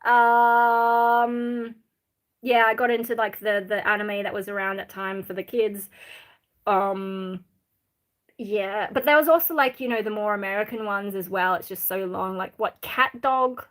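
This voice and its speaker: A woman's voice: mid-range voice, steady tone, a little slow, a bit bright. An Australian woman chatting casually on a livestream, reading out viewer questions in a blunt, irreverent, rambling way. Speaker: live streamer.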